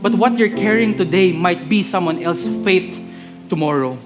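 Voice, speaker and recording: A man preaches a sermon in a high voice, sliding between Tagalog and English. He talks to the congregation in a chatty, joking way, and soft guitar music plays behind him the whole time. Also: measured pace. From Philippines. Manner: switches between Tagalog and English mid-sentence.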